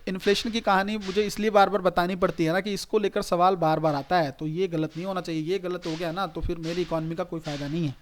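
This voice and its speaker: A man's voice: sits high, steady tone, fast, hardly any pauses, a little hiss or hum. A male exam coaching teacher, giving a recorded online lecture in a conversational, repetitive way, often checking "okay" and telling students to write things down. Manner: addresses students directly, urging them to note things down.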